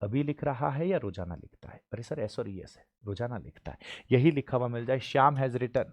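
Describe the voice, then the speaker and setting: A man from India teaching an exam-prep English lesson, pressing students with quick questions and spelling out example sentences slowly. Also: mid-range voice, expressive, darkish tone, no room sound, dull audio. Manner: urges students to repeat sentences, drills with rapid questions.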